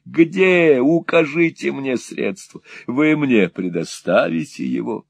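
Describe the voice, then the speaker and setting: A man's voice: lowish voice, animated, unhurried, vocal fry, no echo, exaggerated voice. A man voicing a poor old former clerk near sixty, pleading and bitter, in a dry close recording. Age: 60s.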